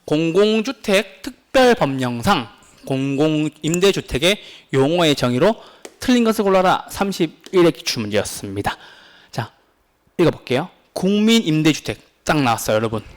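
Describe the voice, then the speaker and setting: Animated high-pitched male lecturer. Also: normal speed. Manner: lively, keeps asking the class questions; pleading, insistent. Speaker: real estate exam instructor. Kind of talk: exam prep lecture.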